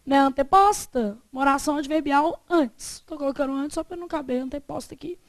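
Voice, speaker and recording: A woman teaching a Portuguese grammar lesson, lively, asking the class questions and answering them herself. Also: high-pitched, fast, dry recording.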